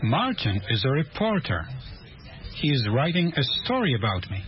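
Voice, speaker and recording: Polite young student, careful and clear, slightly raised pitch, muffled old tape sound. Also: male voice, huge pitch swings, normal speed. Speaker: language course dialogue actor. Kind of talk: scripted textbook dialogue. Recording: dull lo-fi course tape.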